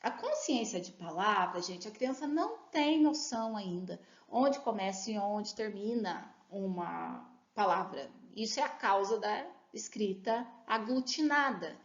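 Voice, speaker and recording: A woman, a literacy educator giving an animated lesson. She asks the listener questions and slows down to sound words out syllable by syllable. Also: mid-range voice. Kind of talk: instructional talk to teachers and parents. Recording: roomy, slightly muffled recording.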